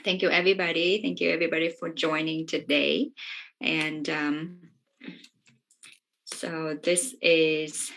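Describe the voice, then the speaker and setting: A woman's voice: low voice, little pitch movement, a little slow, creaky, long pauses, fairly bright tone. A woman doctor hosting an online workshop over a video call, speaking with many fillers.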